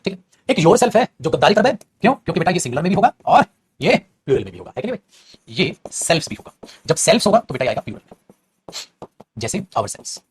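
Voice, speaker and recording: A man teaching an English grammar class, talking quickly and chattily and calling his students "beta". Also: fairly high pitch, big pitch swings, breathy edge. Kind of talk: classroom grammar lesson in Hindi.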